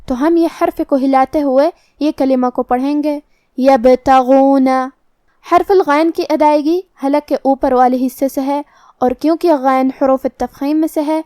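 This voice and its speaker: Female Quran tutor, Pakistani Urdu accent, high clear voice, dry close sound, patient, methodical rule-by-rule explanation. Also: darkish tone, no room sound. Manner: explains each rule methodically, then recites the word slowly. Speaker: Quran recitation teacher. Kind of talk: step-by-step tajweed lesson.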